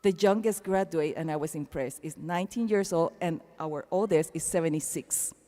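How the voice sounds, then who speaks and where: A woman speaking with a Panamanian accent addresses a commencement crowd personally through amplification in a large indoor arena, her words trailing a long echo. She has a low-pitched, dark voice at normal speed.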